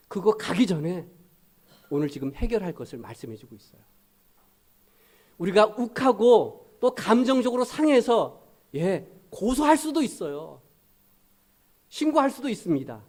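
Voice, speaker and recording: A middle-aged man preaching a sermon, his voice sitting high and swinging widely in pitch. He talks to the congregation conversationally and slips into short acted-out asides. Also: a little mellow. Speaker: pastor.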